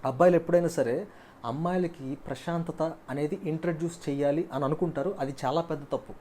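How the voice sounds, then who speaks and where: A man giving casual relationship advice, animated and storytelling, acting out the people he quotes. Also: on the high side, slight background noise.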